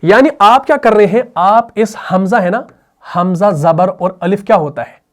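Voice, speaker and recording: A man with a high, light voice and an Urdu accent leads a Quran recitation lesson. He explains in a lively way and keeps asking his students questions before he answers them. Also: normal speed. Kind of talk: tajweed lesson.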